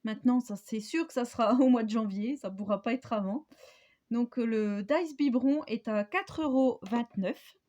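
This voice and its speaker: Female crafting vlogger, somewhat high and mellow, chatty haul talk with fillers. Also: moderate pace. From France. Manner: chatty, hesitant with many fillers. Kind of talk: casual product haul.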